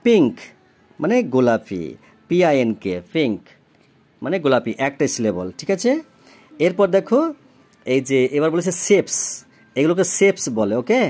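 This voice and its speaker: A man's voice: a little high, sing-song, moderate pace, long pauses, darkish tone. A man, tutoring a child in a recorded homework lesson. He spells words letter by letter, gives their meanings, and keeps asking whether the child understands. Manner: often checks understanding with questions.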